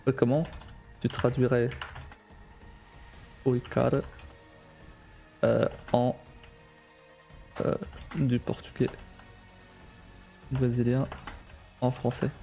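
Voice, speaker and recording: Mellow-voiced man chatting on a stream. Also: medium pitch, monotone, vocal fry, faint music behind. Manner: chatty, halting, many restarts and laughs. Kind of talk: casual live-stream chat.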